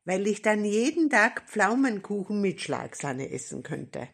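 A woman voicing a cheeky, excitable male puppet jester in a storybook reading, eager and boastful. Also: mid-range voice, measured pace, vocal fry, slightly rough, voice pushed up, exaggerated voice.

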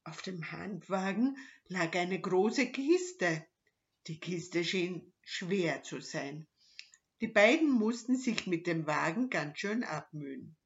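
A woman reading a children's story aloud with dramatic, lively delivery. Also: lowish voice, slow. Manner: lively, dramatic rises in tension. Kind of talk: expressive audiobook reading. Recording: dull lo-fi sound.

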